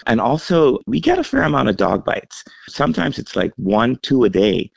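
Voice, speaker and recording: A man from the Bahamas, a health center chief, speaking in a measured, explanatory way with frequent fillers in a radio interview. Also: mid-range voice, very animated, gravelly, dry recording, lo-fi sound.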